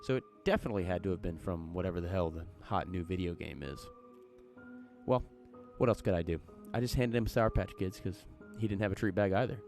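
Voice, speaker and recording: Deep voiced guy telling a creepy story, chatty folksy read, soft music under it. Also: fairly quick. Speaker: narrator. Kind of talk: reading a horror story aloud.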